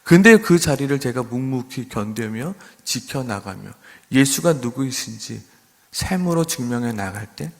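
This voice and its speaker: A man's voice: medium pitch, lively intonation, a little slow, gravelly, in a large hall. A man preaching a sermon as pastor, earnest, sometimes acting out mocking voices.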